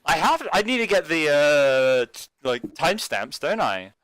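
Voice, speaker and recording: A man's voice: on the high side, sing-song, measured pace, fairly bright tone. A man co-hosting and editing a casual podcast, teasing and laughing often. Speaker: podcast co-host and editor.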